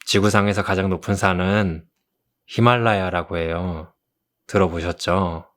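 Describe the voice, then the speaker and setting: A man doing an ASMR role-play as a kind therapist, speaking gently and consolingly like a tender romantic leading man. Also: low-pitched, steady tone. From South Korea. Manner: gentle, consoling, slow storytelling. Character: kind, soothing male therapist comforting a patient. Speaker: ASMR role-play performer as a counseling doctor.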